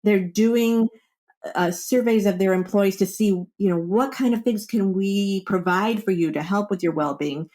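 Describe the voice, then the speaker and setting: A wellbeing coach appears as a guest on a podcast interview, speaking at a middling pitch, a little slowly and mellowly. She explains things conversationally, the way a coach would, slipping into short example quotes to make her points.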